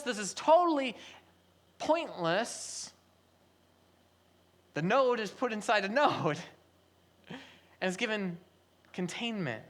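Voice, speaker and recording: A pastor preaching a sermon at a church service, repeating phrases and asking rhetorical questions, moving between a soft low register and raised, emphatic stretches.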